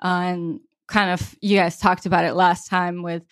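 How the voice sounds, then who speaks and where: A woman's voice: on the low side, little pitch movement, normal speed, no room sound, clean studio sound. A woman chatting as a podcast guest, talking loosely with lots of fillers and frequent laughter. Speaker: podcast guest, software developer. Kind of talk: casual podcast chat.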